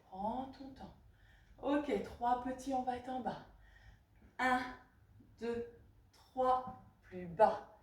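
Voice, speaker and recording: A woman leading a pilates class, counting reps and calling out breathing cues in brisk short commands. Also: a little high. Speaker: pilates instructor. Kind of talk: guiding a live fitness class. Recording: echoey room, voice from far off.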